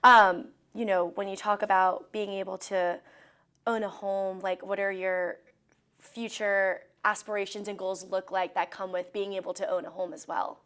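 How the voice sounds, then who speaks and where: A woman's voice: medium pitch, level tone, normal speed, fairly bright tone, clean tone. A woman interviewing someone in a conversational style.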